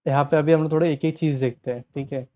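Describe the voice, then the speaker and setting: A man's voice: fairly high pitch, steady tone, fast, mellow, a little hiss or hum. A young man casually commenting on a trailer, mixing in English and restarting phrases as he talks. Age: young adult. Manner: chatty, mixes Hindi and English, trails off and restarts. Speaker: trailer reaction host. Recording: dull, lo-fi dry sound.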